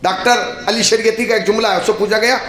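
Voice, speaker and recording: A high-pitched male preacher from India delivers a mosque sermon, with the sound ringing around the hall. He builds his stories dramatically and breaks into loud, emphatic cries. He keeps pressing the listeners with rhetorical questions. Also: fairly even intonation. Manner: dramatic storyteller, rises to emphatic shouts, asks rhetorical questions. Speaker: maulana preaching at a memorial majlis. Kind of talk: Urdu majlis sermon.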